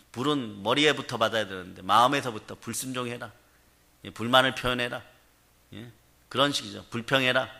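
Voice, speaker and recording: Bright-voiced male pastor preaching emphatically. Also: medium pitch. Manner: emphatic preaching with frequent call-outs to the congregation. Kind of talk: sermon.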